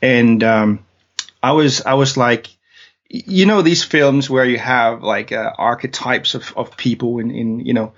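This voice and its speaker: A Danish man with a Danish accent speaks at medium pitch and a measured pace as an interview guest telling his story. He hesitates, uses many fillers and restarts often. The audio is dull and lo-fi.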